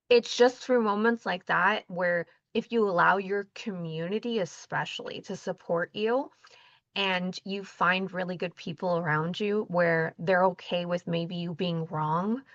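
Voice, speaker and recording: A woman with a bright, forward voice tells stories animatedly in a casual interview and acts out the dialogue. The sound is dry and a little dull, like a lo-fi recording. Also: fairly low pitch, no echo. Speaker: guest, intuitive energy healer.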